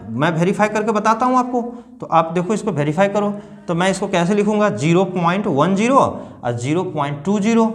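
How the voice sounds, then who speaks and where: Man, high voice, math teacher, patient, step by step, repeats numbers. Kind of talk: classroom math lesson.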